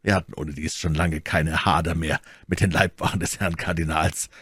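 A man reading the part of a grave, calm musketeer leader in a storybook reading, in a measured, serious manner. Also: very deep voice, husky, no room sound, studio quality, exaggerated voice.

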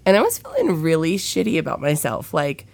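A woman's voice: huge pitch swings, brisk, darkish tone. A young woman hosting her podcast, talking frankly and swearing freely, with a nasal, stuffed-up voice from a head cold and sniffles. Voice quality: low, gravelly, nasal. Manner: frank and profane, with many fillers. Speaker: podcast host. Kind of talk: candid solo podcast chat.

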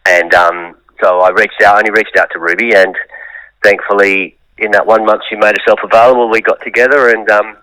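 A man tells his story to an interviewer in an open, thoughtful way, with many ums. His voice is on the low side but bright and forceful. The sound is dry and close. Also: fairly even intonation, a little fast, no echo, poor audio. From Australia. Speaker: guest musician and songwriter.

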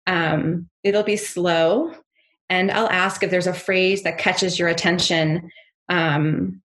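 Calm woman guiding a meditation, lowish voice. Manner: calm, gentle grounding guidance. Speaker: prayer leader guiding a contemplative scripture practice. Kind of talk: guided spiritual meditation and teaching.

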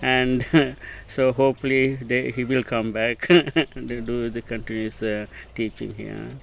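A man in his sixties from Sri Lanka, a retired nurse, speaking softly and trailing off at the ends of his sentences. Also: medium pitch, steady tone, measured pace, vocal fry. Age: 60s. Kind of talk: casual conversation. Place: garden outdoors by a pond.

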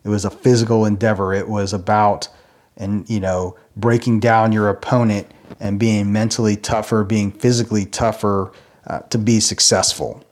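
Earnest low-voiced man sharing reflections. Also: little pitch movement. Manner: earnest, unhurried, with frequent uh fillers and restarts. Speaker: church ministry speaker. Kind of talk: reflective personal talk.

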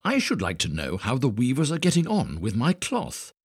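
A man's voice: mid-range voice, huge pitch swings, moderate pace, husky, no room sound, clean studio sound, pitched above the performer's own voice. A man doing a vain, commanding emperor. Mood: imperious. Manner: imperious.

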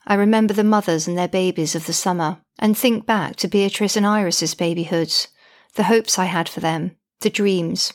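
A woman's voice: fairly low pitch, fairly even intonation, normal speed. A woman narrating her own diary-style account as a mother, indignant, wry and exasperated.

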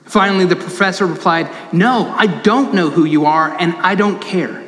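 A man's voice: high voice, moderate pace, a bit bright. A man, a pastor, preaching a sermon, telling a story and pressing his points with emphatic repetition. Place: large church sanctuary. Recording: roomy church reverb.

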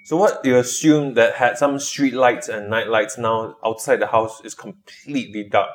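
A man's voice: medium pitch, steady tone, soft background music. Or man running a game. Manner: halting, restarts while narrating, laughs a lot. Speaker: game master. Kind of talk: narrating a tabletop game.

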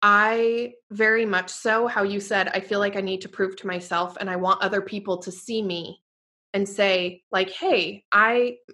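A woman hosts a heartfelt, casual podcast chat, earnest and effusive in tone. Her voice is bright and forward, with middling pitch. She keeps dropping "like" and the occasional swear word. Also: level tone, normal speed. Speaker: podcast host and fitness business owner.

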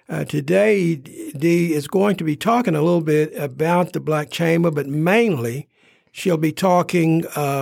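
A man's voice: on the high side, gravelly, no echo, clean studio sound. A man hosting a local interview program, speaking with frequent "uh" fillers. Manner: warm, filler-heavy, unhurried. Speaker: host. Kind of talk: interview talk show.

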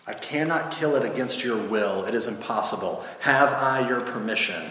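A man voicing a solemn, relentless angel who speaks in slow, measured, terse pronouncements, calmly insistent. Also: medium pitch, lightly acted. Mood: solemn, pressing. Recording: echoey hall with long reverb.

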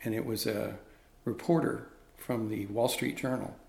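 A man's voice: on the low side, measured pace, vocal fry. A middle-aged man, a ministry leader, telling a story in conversation and acting out the dialogue. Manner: animated, reenacts dialogue. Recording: roomy echoey room.

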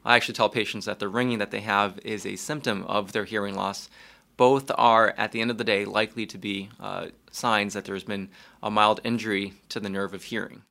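A male ear doctor appears as a guest, explaining medical facts in a low, gravelly voice. He is calm and measured, with small restarts.

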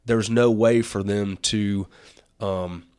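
A man's voice: lowish voice, fairly even intonation, slow, darkish tone, clear, resonant tone. A man hosting a casual chat, explaining things in a folksy, plain-spoken way. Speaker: host and turkey conservationist.

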